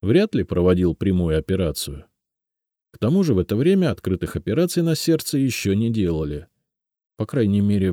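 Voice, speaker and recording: A man reading a first-person audiobook in a measured storytelling manner. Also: lowish voice, warm tone, no room sound, studio quality. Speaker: audiobook narrator. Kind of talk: scripted first-person narration.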